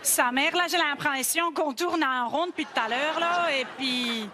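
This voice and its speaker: A woman's voice: high voice, unhurried, a crowd in the background. A woman improvising an impatient guest who claims to have a cold, on a noisy studio stage. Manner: impatient, switches between accents. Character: woman with a cold meeting a swinger couple. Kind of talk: improv comedy game. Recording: studio audience and noise.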